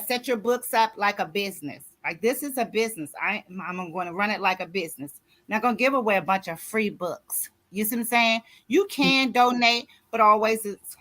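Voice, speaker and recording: A sharp-toned, mid-range female voice belongs to a radio host in her sixties who is an author mentoring co-authors. The show is motivational and conversational. She presses her points emphatically and often checks that listeners understand.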